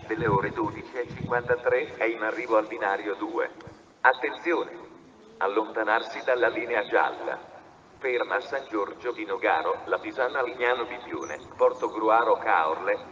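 A man giving an automated train station announcement in formal, segmented stock phrases over a platform loudspeaker. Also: on the low side, distant mic, lo-fi sound. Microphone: distant recorder picking up loudspeakers. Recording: echoey station PA from afar, clear ambient noise.

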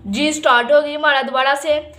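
A woman's voice: sits high, steady tone, moderate pace, a bit bright. A woman, casually narrating a family vlog as she plays a game with her child, teasing and playful.

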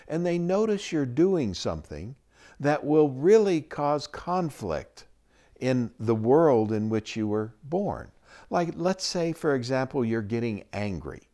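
A man giving a reflective teaching talk, measured and explanatory, with frequent pauses. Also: medium pitch, a little mellow. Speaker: spiritual teacher.

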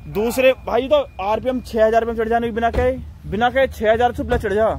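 A young man, an excitable car vlogger commentating a roadside drag race, repeating himself and calling everyone brother. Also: very high-pitched, fast. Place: outdoors on a road beside cars. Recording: outdoor recording with loud car and road noise. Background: car engines and street noise.

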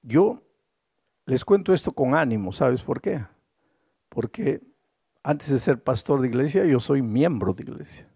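A male pastor tells a story in his sermon with lively, swooping intonation and rhetorical questions. His voice is gravelly and husky, with a dark, mellow tone. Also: medium pitch, unhurried, pauses often.

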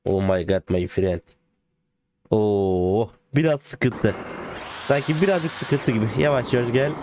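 A man giving casual gameplay commentary as a gaming video host, excitable and joking, playfully swearing and talking to the cars. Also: on the low side, unhurried, rough recording. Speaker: gaming YouTuber. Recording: game car sounds in the background. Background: game engine and car noise.

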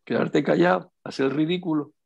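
A middle-aged man gives a religious lesson as a rabbi, his voice sitting a little higher than most men's. He preaches emphatically, pressing his points with rhetorical questions. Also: steady tone, fairly quick, gravelly, lo-fi sound. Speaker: rabbi teaching.

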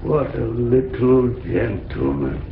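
An actor playing a very old, half-mad condemned villain in 1930s film drama, muttering and wheedling in a creaky voice. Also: male voice, mid-range voice, very animated. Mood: wheedling, sly. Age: older. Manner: very old man, slow rambling wheedling mutter. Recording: muffled noisy 1930s film soundtrack, roomy echo.

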